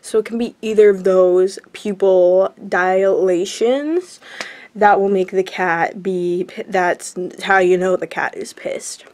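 A young woman hosting a comedic vlog, with a mock-scientific, deadpan delivery and casual swearing. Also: medium pitch, takes it slowly. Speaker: YouTuber.

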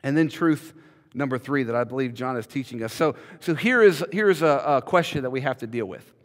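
In a brisk, animated mid-range voice, a man in his thirties preaches emphatically, repeating words as each point builds. He's a pastor in a large indoor church sanctuary, recorded on a podium mic and filmed by a distant camera amid long hall reverb.

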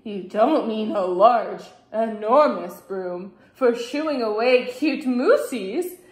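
A woman voicing a calm, curious young boy in a storybook reading, with a gentle, questioning way of talking. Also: fairly high pitch, slow pace. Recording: roomy echo.

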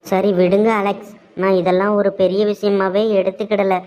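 A woman voicing a trusting, anxious pregnant young woman in a cartoon, speaking softly and politely with a Tirunelveli Tamil accent. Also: mid-range voice, level tone, normal speed, close to an everyday voice. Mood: gentle worry. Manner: soft, worried, polite. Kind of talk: cartoon voice acting. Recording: dull lo-fi sound.

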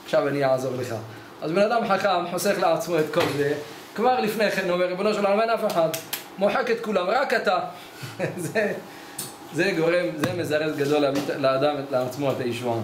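Background noise accompanies this high-pitched male voice, belonging to a rabbi teaching his weekly Torah lesson. His sermon is a story whose dialogue he performs, and the hall around him is echoey with faint ambience.

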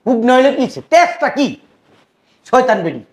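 An actor playing a greedy, bossy middle-aged father-in-law who scolds and mocks in rapid, speech. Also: very high-pitched, big pitch swings. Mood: nagging. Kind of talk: village comedy drama.

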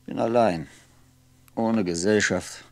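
Resigned and bitter, a lonely man thinks aloud about faded memories in a 1960s German radio play monologue. His low, gravelly voice is a little mellow, with careful diction and no room sound. He brings out halting, introspective phrases and often corrects himself.

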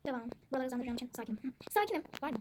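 A high-pitched young woman rattling off quick, chatty gameplay commentary and calling out to her viewers again and again. She is recorded at home, with siblings' chatter clearly audible in the background. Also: level tone, background noise. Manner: chatty, addresses viewers constantly. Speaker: gaming channel host. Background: siblings talking in the background.

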